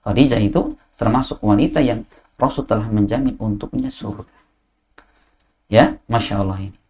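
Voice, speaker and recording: A man's voice: fairly low pitch, normal speed, a little mellow, breathy edge. A man giving an Islamic study lecture, telling stories with Arabic quotes and asking the audience questions. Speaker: preacher.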